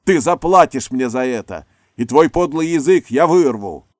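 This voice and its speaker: A man's voice: mid-range voice, big pitch swings, extremely slow, darkish tone, no echo, clean studio sound, voice pushed up, heavily acted. A man voicing a grand, furious middle-aged actress who declaims like she is on stage. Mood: raging.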